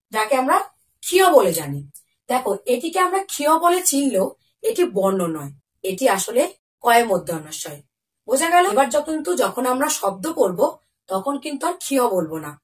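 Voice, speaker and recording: A woman teaching a Bengali lesson to young children. She asks the pupils questions and answers them herself, and says each example word slowly and clearly. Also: on the high side, big pitch swings, recorded from a distance.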